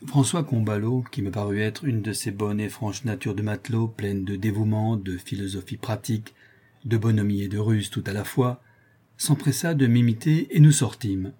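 A man narrating a literary audiobook in a measured, steady reading voice. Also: lowish voice, breathy edge.

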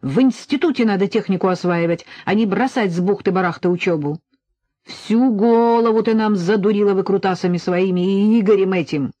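A woman's voice: mid-range voice, expressive, unhurried, darkish tone. A woman reading an audiobook voicing a fussing, exasperated middle-aged mother who scolds and frets. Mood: scolding. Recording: dull lo-fi recording.

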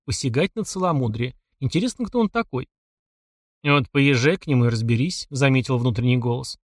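A man's voice: medium pitch, very animated, a little fast, no echo. Man narrating an audiobook, dry sound. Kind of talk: scripted narration.

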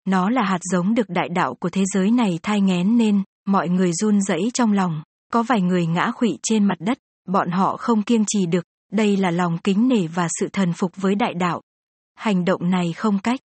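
A woman narrating a fantasy novel in a steady, dramatic reading. Her voice is soft and a bit husky, recorded dry and close with no room sound. It sits at a middle pitch. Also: no echo. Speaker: audiobook narrator.

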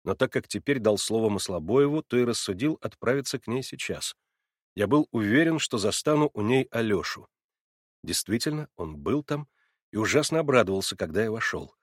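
A man narrating a classic novel in a measured, even storytelling voice. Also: on the low side, dry recording, clean studio sound.

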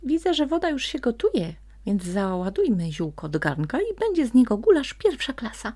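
Woman voicing a shrill excitable little elf. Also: normal speed. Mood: gleeful. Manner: shrill, breathless exclamations. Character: small excitable male forest elf.

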